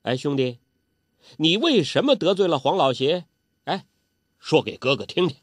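A man's voice: a little high, big pitch swings, moderate pace, no room sound, studio quality. A man voicing a playful, childish old male martial artist, who whines and teases in a petulant way. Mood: eager. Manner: whiny, petulant, teasing.

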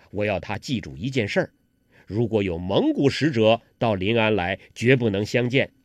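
A male storyteller voicing a sly, self-important young nobleman held prisoner, speaking low and hushed. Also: husky, no room sound, full character voice.

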